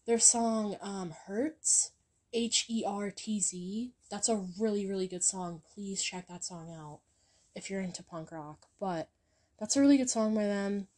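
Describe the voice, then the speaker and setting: A young woman talks through her favorite songs in a loose, rambling vlog chat. Her voice is mellow and soft-edged, and she takes her time. Fillers like um and like pile up between thoughts. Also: mid-range voice, measured pace. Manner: rambling, filler-heavy, lots of ums and likes. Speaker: YouTuber recommending songs. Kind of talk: casual music chat.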